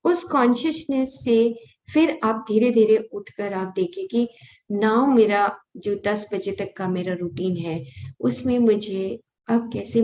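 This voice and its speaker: Slow, gentle woman giving a spiritual talk. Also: mid-range voice, slight background noise. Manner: unhurried, mixes English phrases into speech, gentle instructive. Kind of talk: slow reflective talk on consciousness.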